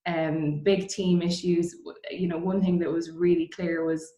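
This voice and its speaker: A middle-aged woman from Dublin, Ireland, co-founder of a distillery, chats informally about her career as an interview guest. Her voice is lowish and warm, with little pitch movement and a measured pace. The recording sounds roomy and echoey.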